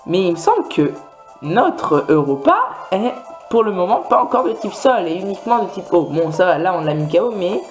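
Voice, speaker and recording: A man's voice: high voice, very animated, normal speed, soft background music. A man doing casual gameplay commentary, rambling along with many fillers and restarts. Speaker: video game let's player.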